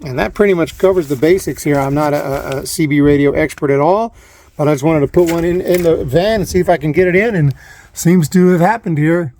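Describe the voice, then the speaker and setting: Recorded on a phone inside a van, a vlogger and amateur DIY installer gives a casual hands-on demonstration, halting as he thinks aloud while handling equipment. His voice is fairly high with a darkish tone. CB radio static and knob clicks are clearly audible in the background.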